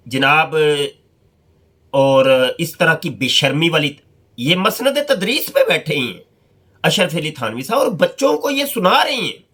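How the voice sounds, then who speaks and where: A man's voice: a little high, sharp tone. A male religious scholar reads out an anecdote and then comments on it, stressing his points by repeating them. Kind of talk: polemical religious talk.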